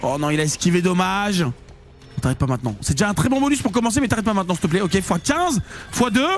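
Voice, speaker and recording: A man commentating his live slot-machine stream, slangy and excitable, swinging between low muttering and loud hype. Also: fast, faint music behind. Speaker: online casino streamer.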